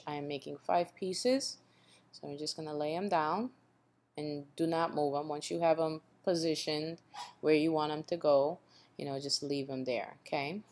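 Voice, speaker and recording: Low-pitched female cooking host, patient step-by-step recipe voice-over. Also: a little mellow. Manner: instructive, repeats tips with a checking "okay?".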